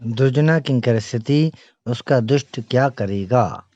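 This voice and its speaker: A man's voice: mid-range voice, measured pace, darkish tone, dry recording, dull audio. A man teaching a lesson, reciting each verse and then explaining it line by line.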